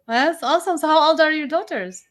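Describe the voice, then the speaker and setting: Upbeat lady hosting a podcast, chatty, kinda high voice. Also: a little fast. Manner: upbeat, chatty, laughs easily. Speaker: podcast host. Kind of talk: casual interview conversation.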